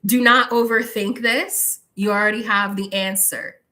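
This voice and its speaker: A woman's voice: mid-range voice, steady tone, unhurried, sharp tone. A woman giving a live tarot reading, talking straight to the viewer with lots of "like" fillers and firm warnings. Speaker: tarot reader.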